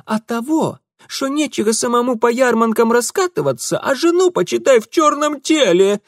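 A man voicing a sharp-tongued, plump red-haired shopkeeper's wife with a Ukrainian accent in an audiobook. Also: very high-pitched, normal speed, no echo, studio quality, voice pushed up. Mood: scolding. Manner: sharp-tongued, then coquettish.

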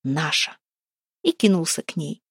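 A woman reading a folk-tale novel aloud as an audiobook narrator, with brisk, suspenseful storytelling. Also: fairly low pitch, darkish tone, no room sound, studio quality. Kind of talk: scripted narration.

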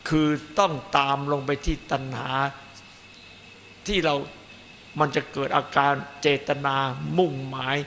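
Male monk giving a dharma talk, raised bright voice, echoey hall with faint hiss. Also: on the high side, takes it slowly. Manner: emphatic, piling up repeated phrases. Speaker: Buddhist monk teacher.

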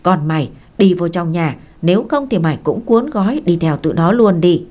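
A woman voicing a hot-tempered old village man who yells and scolds. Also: medium pitch, lively intonation, moderate pace, natural voice. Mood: furious. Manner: yelling, scolding.

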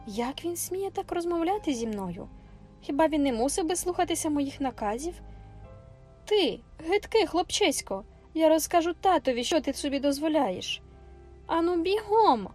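A woman's voice: sits high, lively intonation, moderate pace, darkish tone, faint music behind, voice pushed up. A woman voicing a spoiled, bossy young girl in an audiobook, imperious and indignant. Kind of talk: audiobook character voice.

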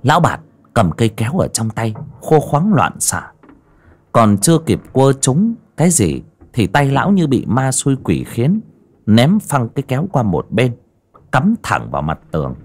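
A man narrating a horror audiobook in a dramatic, expressive way. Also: mid-range voice, moderate pace. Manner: expressive, rising and falling with the drama.

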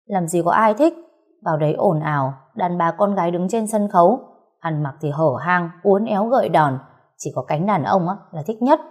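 A woman's voice: on the low side, expressive, normal speed. A woman voicing a playful young pregnant wife who teases and sulks with her husband in an audiobook story. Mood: teasing.

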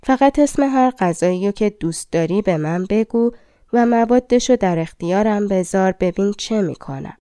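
A woman's voice: medium pitch, dark tone, clear, resonant tone, dry recording, studio quality, lightly acted. A woman reading a fairy-tale audiobook, voicing a clever, confident male dwarf cook in a self-assured, persuasive manner.

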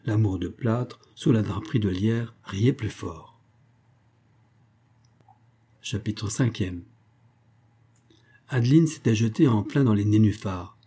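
A man narrates a classic novella in a measured, expressive audiobook reading. His voice is very dark and mellow, low-pitched and noticeably husky. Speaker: audiobook reader.

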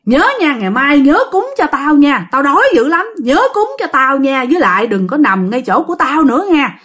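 A woman voicing the angry ghost of an older male soldier, scolding in a gruff, rising voice. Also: sits high, sing-song, moderate pace, fairly bright tone. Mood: demanding.

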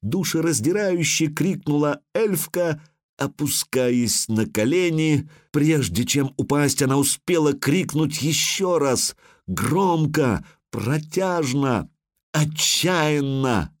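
A man narrating a fantasy audiobook with dramatic delivery, slowing down on violent moments, close on a microphone. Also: fairly high pitch, expressive, no echo.

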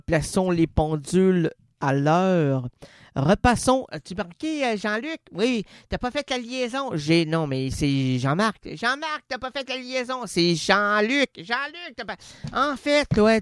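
A man's voice: very high-pitched, clean tone, no room sound, clean studio sound. A man hosting a bantering comedy sketch, mixing playful jokes with mock-solemn recitations.

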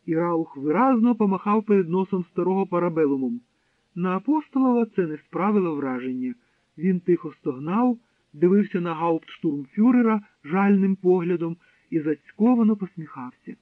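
A man narrating an audiobook in a steady, measured storytelling voice. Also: high voice, dry recording. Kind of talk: scripted narration. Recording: dry, tinny narrow-band sound.

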